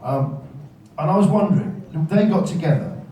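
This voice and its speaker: A man's voice: on the high side, animated, moderate pace, dark tone, slight background noise. A man interviewing casually on stage in a rambling, matey, sweary way. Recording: very echoey, distant, crowd in venue.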